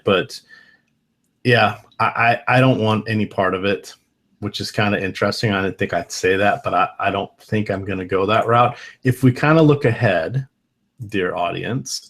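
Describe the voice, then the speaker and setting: A man's voice: fairly low pitch, a bit bright. A man co-hosting a fantasy baseball chat over an online call, hesitant and often restarting his sentences. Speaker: co-host analyst.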